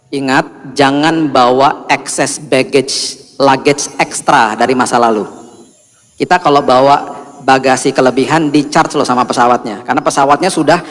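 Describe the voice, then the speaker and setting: A male pastor preaching a sermon, telling stories and acting out the dialogue with lively energy. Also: on the high side. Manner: animated storyteller, acts out dialogue. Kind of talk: sermon with storytelling. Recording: long hall reverb, faint music.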